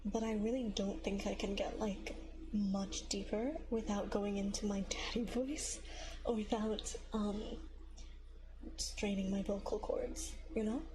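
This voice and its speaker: A woman hosting a soft-spoken livestream from her apartment on a binaural mic, talking smoothly and quietly, often in a whisper, and chatting in a rambling way. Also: mid-range voice, steady tone, a little slow, noisy background. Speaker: ASMR livestream host. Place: home apartment. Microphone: binaural dummy-head mic.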